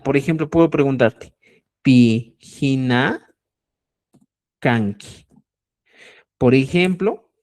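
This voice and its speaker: A man teaching a live online Quechua lesson, drilling phrases and checking in often. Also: on the high side. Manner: animated, drills phrases and keeps asking "¿ya?".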